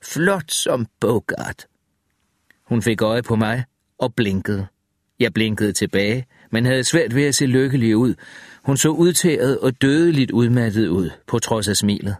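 A man narrating a novel in an even, measured storytelling voice of middling pitch. He sits close to the microphone in a dry studio with no echo at all. His delivery is steady and unhurried. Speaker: audiobook narrator. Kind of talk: scripted narration.

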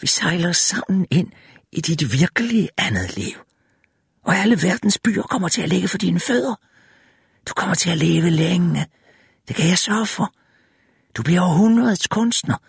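A man voicing a seductive female spirit in an audiobook, speaking softly and coaxingly, partly in a whisper. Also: high-pitched, animated, vocal fry, long pauses, breathy edge, no room sound, studio quality, pitched above the performer's own voice, full character voice.

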